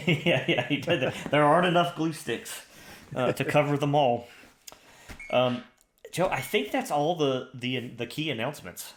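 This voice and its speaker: A man with a slightly high, fairly bright voice co-hosts a podcast at a measured pace, with slight background noise and a roomy echo. He chats casually and enthusiastically, often rambling and restarting.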